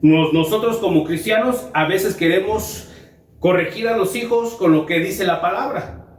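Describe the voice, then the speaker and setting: A man's voice: high-pitched, moderate pace, roomy sound, recorded from a distance. A man preaching a sermon to a congregation, asking them rhetorical questions. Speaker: pastor. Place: church.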